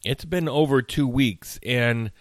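A medium-pitched man hosts his own podcast, talking slowly in a casual solo rant that rambles with fillers and restarts. He sounds tired and slightly nasal as he recovers from illness, recorded on a studio mic with no echo.

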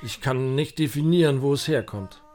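A man's voice: medium pitch, moderate pace, darkish tone, lightly acted. A man voicing a proud, weepy old knight who speaks in a grand, old-fashioned, mournful way, in an amateur audio drama. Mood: urgent.

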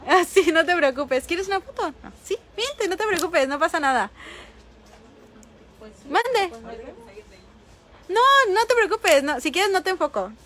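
Bubbly high-voiced Mexican woman. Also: expressive, unhurried, long pauses, fairly bright tone. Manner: bubbly, effusive, chatty with fans. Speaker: makeup streamer. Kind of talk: casual live-stream chat. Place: small table in a corner of a public venue.

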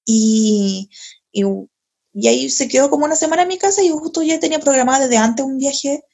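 A young adult woman from Chile with a Chilean Spanish accent, telling a personal story in a casual, animated and profane way, laughing often. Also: high voice, a little fast, vocal fry. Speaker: podcast host.

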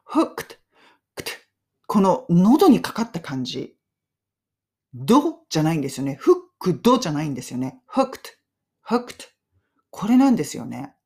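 Lively chatty woman teaching English phrases. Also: on the low side. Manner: chatty and upbeat, laughs often, slow English drills. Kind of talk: casual podcast lesson.

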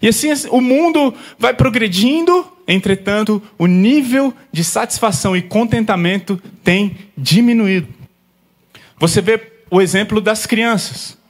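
High-voiced pastor telling family stories. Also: male voice, a little slow. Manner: lively storyteller, acts out family scenes. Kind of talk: sermon with personal anecdotes.

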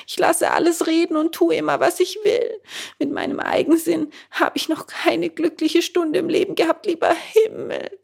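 A woman's voice: high voice, fairly even intonation, slow, pitched above the performer's own voice. A woman voicing a wailing wooden puppet boy. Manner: wailing, pleading, stammering. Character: frightened wooden puppet boy, stubborn and remorseful. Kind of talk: storybook reading.

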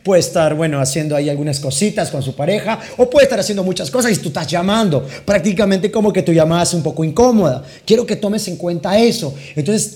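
Rich: A high-pitched man coaching sales techniques. He keeps shifting his tone, speed and loudness on purpose, and drops into sudden pauses before firing off quick bursts. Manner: deliberately varies tone, speed and volume. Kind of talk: teaching lesson with role-played phone calls.

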